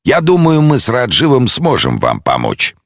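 A man's voice: mid-range voice, huge pitch swings, moderate pace, dry recording, clean studio sound, pitched above the performer's own voice. A man voicing a polite, composed Victorian detective in an audiobook. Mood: courteous. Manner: courteous, formal.

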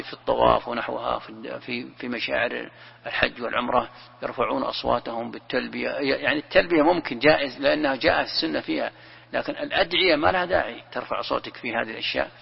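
A man's voice: medium pitch, creaky, husky. A man teaching a religious lesson, explaining in a conversational way and asking and answering his own questions. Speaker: sheikh teaching Quran commentary. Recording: lo-fi recording with long reverb.

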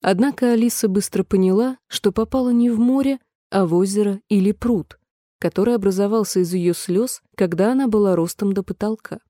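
A woman narrating a storybook in a measured, gentle reading voice. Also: mid-range voice, no room sound, clean studio sound.

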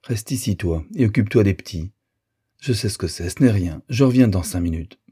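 A man voicing a calm, firm grown man who looks after children, speaking briskly. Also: on the low side, breathy edge.

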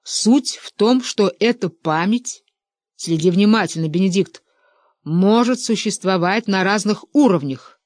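A narrator voicing an excitable, pompous old male stoker who shouts and lectures in a hoarse voice. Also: mid-range voice, measured pace, no room sound, studio quality, lightly acted. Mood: lecturing.

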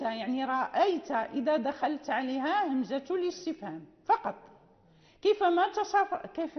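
A woman teacher explaining Quran recitation rules in a lecture. She repeats key terms and recites example verses slowly. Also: high-pitched. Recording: dull, reverberant lecture recording.

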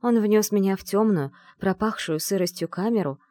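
A woman reading a first-person novel aloud in measured storytelling narration. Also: medium pitch, mellow, no echo, clean studio sound. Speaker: audiobook reader. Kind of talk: scripted narration.

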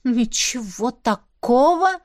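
A woman's voice: on the high side, lively intonation, normal speed, no echo, clean studio sound, lightly acted. A woman voicing a teasing werewolf girl friend. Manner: playful, prodding, amused.

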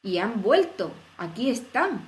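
A woman's voice: a little high, very animated, moderate pace, slight background noise. A pompous storybook king, as a woman puts him on. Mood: triumphant. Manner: triumphant, pleased with his own jokes. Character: pompous, self-satisfied fairy-tale king.

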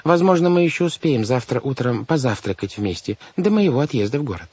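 A man's voice: mid-range voice, sing-song, brisk, darkish tone, breathy edge, no echo, pitched above the performer's own voice. A man reading an audiobook, voicing a fussy, well-meaning guardian who frets over the children. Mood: placating. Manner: fussy, fretful, raised voice. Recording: dull lo-fi audiobook recording.

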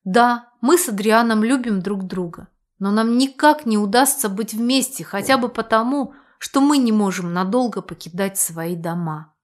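A woman narrating a first-person audiobook romance in an expressive, emotional reading style. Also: medium pitch, moderate pace.

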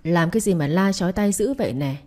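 A woman voicing a drunken, abusive middle-aged husband who talks coarsely and shouts. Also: lowish voice, expressive, fast, close to an everyday voice. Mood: grumbling.

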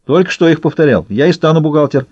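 A man voicing a slow, stubborn and touchy male savage fighter. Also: on the high side, lively intonation, a little mellow, slightly rough, no room sound, voice pushed up. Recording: slightly dull dry recording.

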